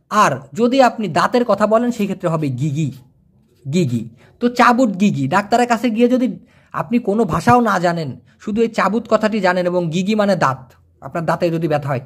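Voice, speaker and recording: A language teacher, explaining vocabulary over pictures and checking understanding with quick questions. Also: medium pitch, slightly rough. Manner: repeats each word and checks with quick questions.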